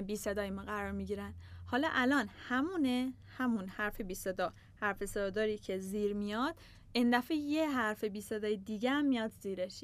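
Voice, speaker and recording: A young woman teaching a beginner language lesson, patiently repeating words slowly for her learners. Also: mid-range voice.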